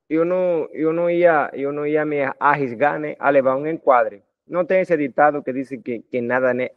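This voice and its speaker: This man's voice sits on the high side as he lectures students in a recorded math video. A chatty Colombian, he speaks informally and keeps adding tag questions. The sound is lo-fi, dull and dry, with no echo.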